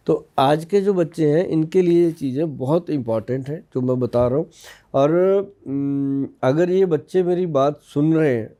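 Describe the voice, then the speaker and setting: Dark-voiced Indian man telling folksy anecdotes. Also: a little high. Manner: folksy, storytelling, explains with anecdotes. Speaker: Ayurvedic expert guest. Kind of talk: casual podcast interview.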